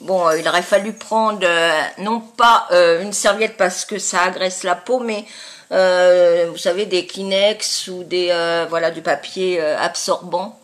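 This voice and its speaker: A woman chatting casually to viewers in a product review, with a congested, honking nasal voice and a halting delivery as she searches for words. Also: fairly low pitch, fairly even intonation. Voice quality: nasal, honking, duck-like voice from blocked sinuses. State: congested with sinusitis. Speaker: beauty vlogger.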